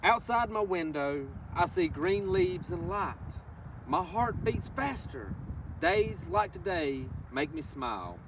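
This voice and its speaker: This read-along presenter is a man whose high-sitting voice moves through big pitch swings at a slow pace. Reading a picture book to children, he addresses them directly with folksy, instructive asides and questions. Faint background noise is audible on the distant mic.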